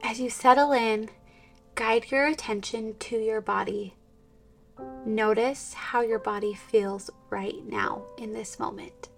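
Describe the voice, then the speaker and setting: Soft slow woman guiding meditation. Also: fairly high pitch, vocal fry. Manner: slow, soft, soothing, drifting into whispers. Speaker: meditation guide. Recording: distant mic with soft instrumental music.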